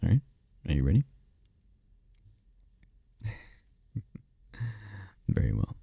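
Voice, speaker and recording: In a scripted intimate roleplay ASMR comfort monologue, a man plays a tender, powerful incubus boyfriend, murmuring softly and caringly at an unhurried pace. His full character voice is deep, dark, gravelly and husky, with wildly swooping pitch and a soothing, attentive mood. It is close-miked and dry, with no room sound.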